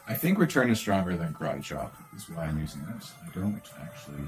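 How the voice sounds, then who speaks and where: Low, lively man co-hosting a game playthrough, wry, faint music behind. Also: fairly quick. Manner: wry, playful, reads game lines aloud. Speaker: co-host playing a video game. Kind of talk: casual gameplay chat.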